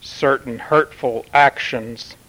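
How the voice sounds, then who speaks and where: A man channeling a solemn male Martian commander who addresses Earth in formal, measured pronouncements with long pauses. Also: mid-range voice, steady tone, a bit bright, rough recording. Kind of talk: channeled spiritual message.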